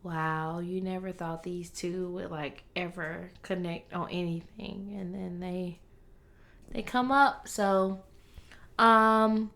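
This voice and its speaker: A tired woman co-hosting a casual podcast chat, speaking quietly with a fading delivery and casual swearing. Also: on the low side, fairly even intonation, slow pace. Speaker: podcast co-host.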